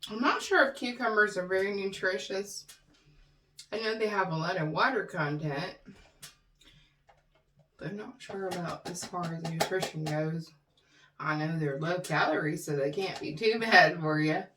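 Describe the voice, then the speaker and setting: A woman's voice: lowish voice, moderate pace, pushed and bright. A middle-aged woman chatting casually to viewers as she eats, chewing while talking and humming over her food. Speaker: mukbang vlogger. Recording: roomy, distant mic with faint noise.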